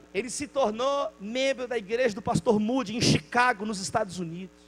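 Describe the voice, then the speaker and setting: A man's voice: sits high, husky. A male pastor with a Brazilian Portuguese accent preaching a sermon with passion, acting out the people in his stories.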